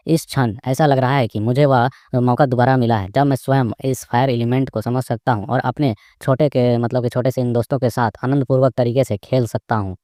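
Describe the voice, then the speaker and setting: An eager young cultivator thinks aloud and coaxes playfully , voiced by a male recap narrator. The delivery is fast and the sound dry and close. It stays near an everyday man's voice. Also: medium pitch, steady tone, mellow, no room sound, natural voice. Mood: musing. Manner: earnest inner musing, coaxing.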